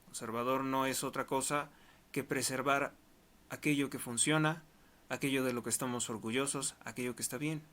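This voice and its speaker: A man's voice: medium pitch, fairly even intonation, normal speed, fairly bright tone. A man from Mexico, delivering an emphatic political commentary monologue in short, repeated clauses. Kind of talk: monologue to camera.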